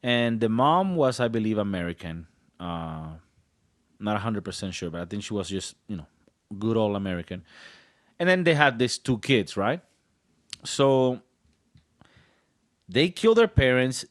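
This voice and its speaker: A man's voice: on the low side, expressive, a little slow, pauses often, dry recording, clean studio sound. A man in his thirties hosting a comedy podcast, rambling playfully and hamming up his delivery. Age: 30s. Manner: playful, rambling, hams up voices. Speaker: podcast host. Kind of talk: joking comedy podcast chat.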